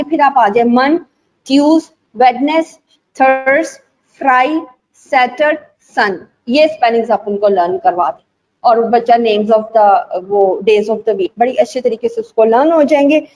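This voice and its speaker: A woman's voice: a little high, moderate pace, a little mellow, rough recording. A woman who runs a school, giving a patient instructional talk to teachers and spelling out examples. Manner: patient, repeats and spells out examples, code-switches into English. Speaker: teacher trainer and school owner.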